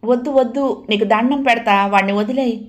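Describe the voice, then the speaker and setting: A woman's voice: fairly high pitch, fairly quick, lightly acted. A woman voicing a desperate young mother who pleads and screams for help in an audio novel. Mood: pleading.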